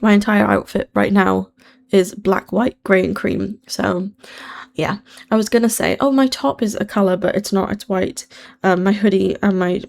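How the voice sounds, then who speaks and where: A woman's voice: mid-range voice, vocal fry, darkish tone. A young adult British woman giving casual, chatty, rambling voice-over commentary as a channel host, often correcting herself, with a whistle on her S sounds. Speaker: host of a gaming build channel.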